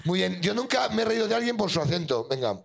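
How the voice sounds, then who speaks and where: High gravelly-voiced man hosting a live comedy game. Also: big pitch swings, fast. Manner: loud, teasing, joking with the audience. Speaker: comedy show host. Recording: live venue with audience crowd.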